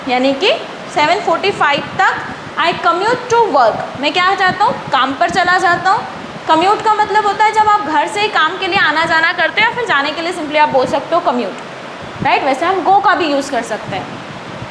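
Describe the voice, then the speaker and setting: A woman with a very high voice teaches a beginners' English class, asking a question and then answering it herself. The room echoes and a steady noise runs underneath. She explains each point patiently. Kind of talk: classroom lesson, Hindi with English.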